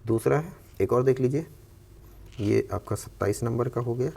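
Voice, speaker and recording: Gravelly-voiced man teaching spelling. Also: mid-range voice, a little mellow. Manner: explains step by step, repeats each word slowly. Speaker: Hindi exam coach. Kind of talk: spelling lesson for exam aspirants.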